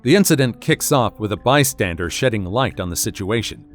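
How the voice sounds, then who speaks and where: Low-voiced man narrating a wry story. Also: expressive, fairly quick, faint music behind. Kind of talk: scripted narration.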